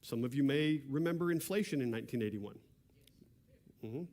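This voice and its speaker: A man giving a public seminar talk in a church hall, conversational, often clearing his throat. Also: mid-range voice, animated, moderate pace, darkish tone, a little hiss or hum. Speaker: property tax presenter. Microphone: handheld or stand mic, cutting out at times.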